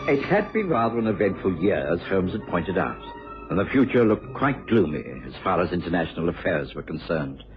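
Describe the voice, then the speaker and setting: An actor playing a contented gentleman doctor, narrating a radio drama in a measured, literary way. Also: low voice, big pitch swings, faint music behind. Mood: reflective, content. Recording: noisy muffled old radio recording.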